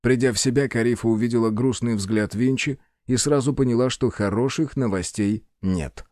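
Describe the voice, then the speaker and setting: A man narrating an action story in a measured, dramatic reading. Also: mid-range voice, darkish tone, no room sound, studio quality. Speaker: audiobook narrator. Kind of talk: scripted narration.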